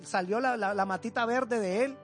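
A man preaching in a high voice, earnest and pleading. He often sinks to a hushed tone for emphasis. Soft music plays faintly behind him. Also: normal speed. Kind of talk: sermon.

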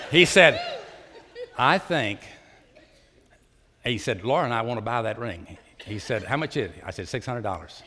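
Preacher telling a story in a big hall. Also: male voice, lowish voice, creaky. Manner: animated storyteller, acting out quoted dialogue. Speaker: pastor. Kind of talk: sermon storytelling. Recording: live sermon in a large echoing hall.

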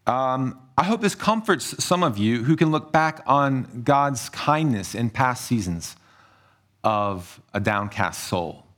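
A man preaching a sermon as pastor, earnest, moving between hushed low passages and raised emphatic ones. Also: animated, slow.

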